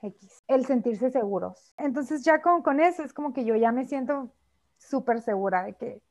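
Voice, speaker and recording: A woman's voice: high voice, lively intonation, moderate pace, a little mellow. A woman with a Mexican Spanish accent chatting casually as a co-host, full of fillers and acting out quoted speech. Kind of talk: casual chat. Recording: slightly dull lo-fi audio.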